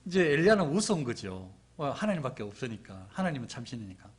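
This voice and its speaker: A middle-aged man preaching a sermon as pastor, telling the story with lively acted-out quotes. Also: mid-range voice, quick pace, husky.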